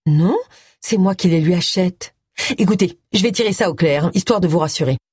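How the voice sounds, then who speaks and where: A woman's voice: lowish voice, moderate pace, darkish tone, slightly rough, no room sound, studio quality. A woman doing an earnest vicar's wife. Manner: earnest, insistent.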